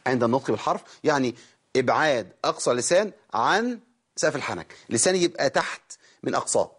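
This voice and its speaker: A man's voice: medium pitch, lively intonation, fast, a bit bright, breathy edge. A tired man with an Egyptian Arabic accent, teaching Quran recitation on a broadcast lesson, explaining step by step, demonstrating sounds and questioning his viewers. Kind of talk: televised tajweed lesson.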